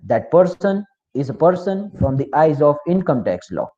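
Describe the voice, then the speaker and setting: A man's voice: fairly high pitch, big pitch swings, normal speed, mellow. A man with an Indian English accent teaching tax law in an online class, explaining step by step and asking the class questions. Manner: explanatory, repeats key terms, asks the class questions. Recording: slightly dull, lo-fi.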